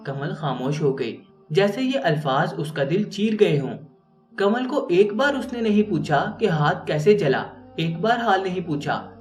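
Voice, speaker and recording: A man's voice: sits high, animated, a little slow. A man narrating a moral story in an earnest, moralizing way. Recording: roomy, distant mic, faint music.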